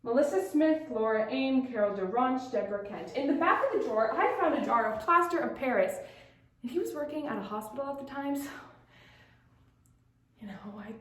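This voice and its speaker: A teenage girl giving a dramatic interpretation performance, moving between bright storytelling and hushed, dread-filled passages. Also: high-pitched, expressive, fairly quick, roomy sound. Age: teens. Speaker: student competitor.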